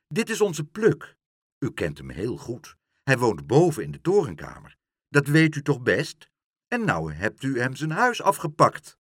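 Brief: man playing a kind, earnest shopkeeper, lively pitch. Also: normal speed, no room sound, studio quality, exaggerated voice. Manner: earnest, indignant. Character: kindly indignant older male bookseller.

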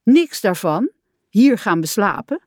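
A woman's voice: medium pitch, sing-song, slow, darkish tone, no echo, clean studio sound. A woman voicing an impatient, bossy male rat in a storybook, stern and eager for adventure.

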